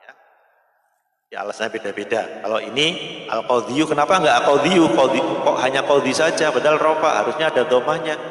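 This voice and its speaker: A man's voice: medium pitch, a little fast, fairly bright tone. A man teaching an Arabic grammar lesson, patiently explaining and repeating his points, reading Arabic text and glossing it. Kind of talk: pesantren kitab lesson. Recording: echoey hall with long reverb.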